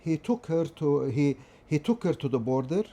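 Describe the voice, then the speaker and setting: A middle-aged Lebanese political science professor, speaking with a Lebanese accent, recalls his family history and studies as an interview guest. His fairly high, mellow voice is animated, yet his delivery is measured and hesitant, full of fillers and restarts.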